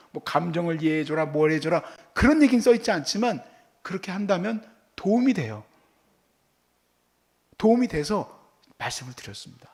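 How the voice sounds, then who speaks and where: A man's voice: a little high, vocal fry. A man preaching a sermon as pastor, telling stories and acting out how he scolds and comforts his child.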